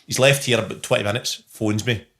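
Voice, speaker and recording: A middle-aged man with a Glasgow accent telling casual anecdotes in an animated, sweary way, acting out conversations. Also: fairly low pitch, a little fast.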